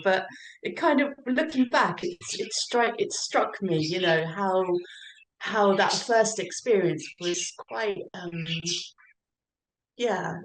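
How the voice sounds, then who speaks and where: A woman's voice: a little high, roomy sound, slight background noise, low-quality recording. A woman who teaches English, telling about living abroad in a hesitant way with many fillers. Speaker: English for academic purposes teacher. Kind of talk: casual introduction at an online event.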